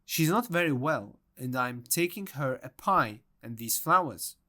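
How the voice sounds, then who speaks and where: A man's voice: medium pitch, lively intonation, a little slow, pushed and bright. A man voicing a trusting little girl in a storybook reading. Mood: innocent.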